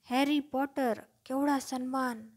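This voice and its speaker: A woman voicing an old innkeeper overcome with reverence, his words coming out tearful and hushed with awe. The voice is fairly high, with a soft, emotional edge. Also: fairly even intonation, takes it slowly. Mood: awed.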